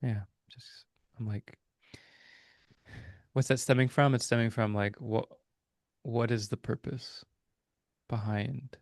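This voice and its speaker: Gravelly-voiced man musing aloud. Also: mid-range voice, fairly even intonation, takes it slowly, pauses often, a little mellow, no room sound, studio quality. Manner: musing, hesitant, searching for words. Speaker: podcast co-host. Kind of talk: casual reflective conversation.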